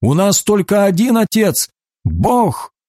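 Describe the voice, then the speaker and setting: Indignant male challengers arguing back, as one reader voices them. The voice rises high with a lot of pitch movement, and the sound is dry and close. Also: big pitch swings, slow pace, dark tone, no room sound, heavily acted.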